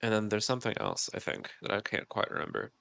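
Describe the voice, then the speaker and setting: A man's voice: fairly low pitch, huge pitch swings, quick pace, gravelly, bright, forceful tone, no room sound. A man co-hosting a podcast, explaining at length in casual chat with many ums, his nose stuffy. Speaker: podcast co-host.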